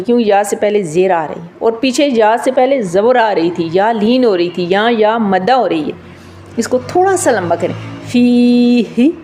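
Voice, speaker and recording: Female recitation teacher, from Pakistan, patient and methodical, drawn-out demonstrations, warm dark tone. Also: medium pitch. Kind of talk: Quran recitation lesson.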